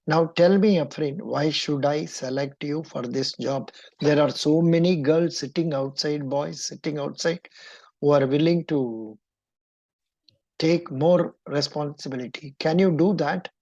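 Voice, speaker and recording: A woman's voice: low-pitched, measured pace, dark tone, no room sound, muffled recording. A woman with a Kannada-influenced Indian English accent, coaching a mock interview in an encouraging, instructive and probing way.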